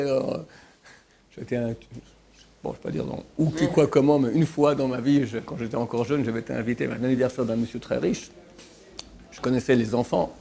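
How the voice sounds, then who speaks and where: A male rabbi with a creaky, mid-range voice tells stories during a casual sermon for his Torah class. He brings the quotes to life by acting them out, with lots of restarts along the way.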